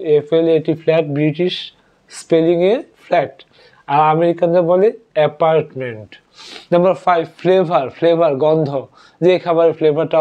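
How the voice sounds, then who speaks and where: A man teaching an English vocabulary lesson, spelling words out letter by letter and repeating them slowly. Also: a little high, darkish tone. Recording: dull lo-fi audio.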